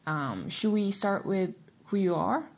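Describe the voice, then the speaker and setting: Young woman host, kinda husky, reading her intro slow and careful. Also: mid-range voice, animated, a little mellow. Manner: measured, reads prepared lines. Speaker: podcast host. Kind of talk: scripted introduction and interview questions.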